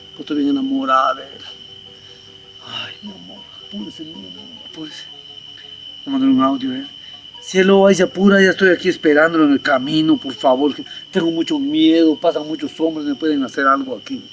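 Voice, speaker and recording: A coy, clingy young woman who whines and frets, scared of the dark and fussy about everything, played by a man in a comedy sketch. The voice sits a little high, and faint music runs underneath. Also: lightly acted.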